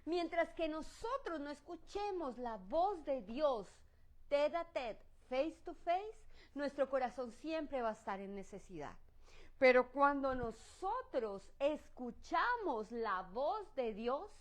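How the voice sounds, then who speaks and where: A woman with a soft, high voice teaching a church Bible study. She is lively and expressive, with her pitch swooping up and down. She often slips in exclamations in English.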